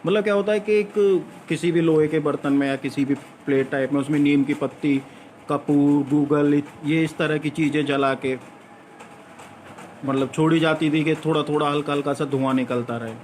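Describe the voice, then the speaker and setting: Addressing his viewers, a man delivers an argumentative, lecturing monologue, hammering points through repetition and rhetorical questions. He speaks at a moderate pace in a slightly high, darkish, steady voice, with some hiss or hum present.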